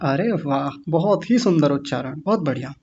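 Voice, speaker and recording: A man with a slightly high, somewhat mellow voice and lively intonation teaches Sanskrit recitation in an online class, slowly and patiently demonstrating words syllable by syllable. The recording is muffled, with a little hiss or hum.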